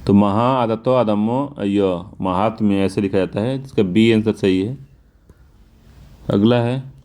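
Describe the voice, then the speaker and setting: A man with a North Indian Hindi accent going through exam questions as a teacher, repeating key words slowly for emphasis. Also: on the low side, mellow. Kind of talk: explaining test answers.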